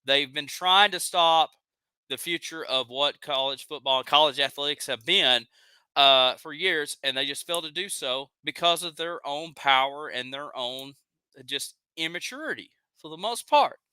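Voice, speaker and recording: A man's voice: a little high, normal speed, pushed and bright, smooth, no room sound. A man with a Southern accent hosting a live stream, ranting heatedly and reading chat comments aloud. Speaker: live show host.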